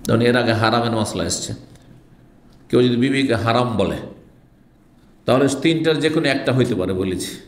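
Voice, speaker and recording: A man's voice: mid-range voice, normal speed, long pauses. A middle-aged man, an Islamic scholar, giving a hadith lesson. He reads Arabic phrases, explains them, and asks rhetorical questions. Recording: roomy echo.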